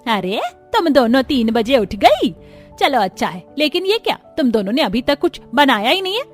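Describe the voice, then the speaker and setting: A woman plays a bossy, demanding middle-aged mother-in-law in an animated family story, sounding brisk and dismissive. Her voice is high-pitched, and faint music plays behind her.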